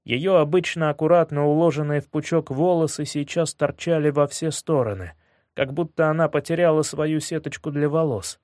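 Measured male audiobook narrator, dry sound. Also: fairly high pitch, a little mellow, no echo. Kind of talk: first-person storybook narration.

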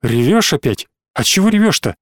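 A man's voice: a little high, very animated, a little fast, no room sound. Man voicing a drunk angry teenage boy, hissing, scornful, dry recording.

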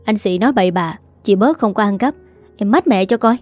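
A woman's voice: medium pitch, lively intonation, a little fast, a little mellow, faint music behind, lightly acted. A woman voicing a loyal little girl who pleads earnestly for her older sister, in a storybook reading. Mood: indignant.

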